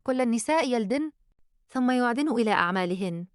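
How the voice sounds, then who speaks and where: A woman's voice: a little high, animated, fast talker, clean tone, no echo, clean studio sound, close to an everyday voice. A woman voicing a cold, domineering older mother-in-law who talks in a curt, dismissive way.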